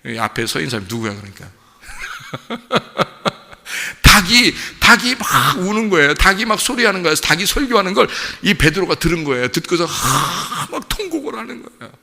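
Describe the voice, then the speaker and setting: Male pastor, dawn sermon: high-ish, gravelly, bright voice, big pitch swings, long hall reverb. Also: fairly quick, a little hiss or hum. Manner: animated preaching, acts out voices, asks the congregation.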